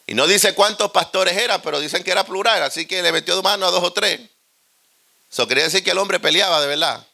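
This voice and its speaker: A man with a Puerto Rican accent preaching a humorous storytelling sermon, animated and joking. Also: sits high, creaky.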